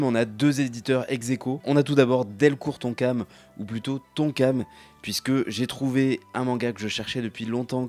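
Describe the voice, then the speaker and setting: Guy doing a chatty vlog, lowish voice, music playing behind him. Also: darkish tone. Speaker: host of a manga haul video. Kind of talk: casual vlog presentation to viewers. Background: background music.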